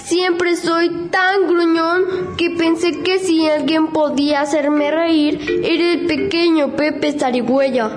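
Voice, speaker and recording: A woman voicing a grumpy, lonely old male bear in a children's story, with a drawn-out lamenting manner. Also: extremely high pitch. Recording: roomy echo, faint music.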